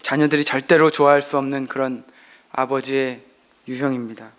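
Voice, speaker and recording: A man's voice: medium pitch, fairly even intonation, a little fast, smooth. A middle-aged male pastor giving a sermon, telling stories about his son and acting out their exchanges. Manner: acts out dialogue with his son, shifting loudness. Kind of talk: sermon with personal anecdotes.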